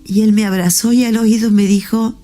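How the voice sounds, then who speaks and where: A woman gives a heartfelt faith testimony. Her voice is mellow and dark in tone, with a soft, repetitive delivery. Faint music plays underneath. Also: medium pitch, steady tone, a little fast. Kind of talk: emotional spoken testimony.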